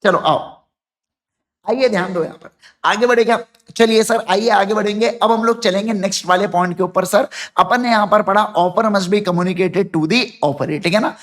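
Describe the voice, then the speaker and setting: A man in his thirties from India teaching law in an online class, mixing Hindi and English, dictating slowly and then explaining quickly and directly to students. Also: sits high. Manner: animated, talks to students directly. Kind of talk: online lecture, dictating notes.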